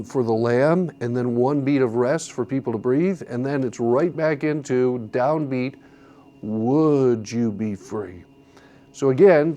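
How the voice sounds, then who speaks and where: A man's voice: medium pitch, mellow. A man teaching a church song-leading class, explaining conducting patterns patiently and counting beats aloud. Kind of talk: classroom instruction.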